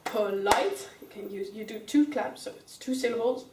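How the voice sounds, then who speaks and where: A young woman with a Dutch accent teaches an English class, going through each rule step by step and calling on pupils by name. Her voice sits a little high. It is caught from across an echoey classroom. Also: fairly quick, background noise. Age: young adult. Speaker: student teacher. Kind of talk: classroom grammar lesson. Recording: roomy classroom sound, mic far away.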